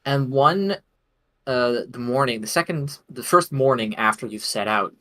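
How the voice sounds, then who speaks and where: A man's voice: mid-range voice, lively intonation, unhurried, pushed and bright. A man narrating a tabletop game as game master, chatty, with frequent laughs and many fillers.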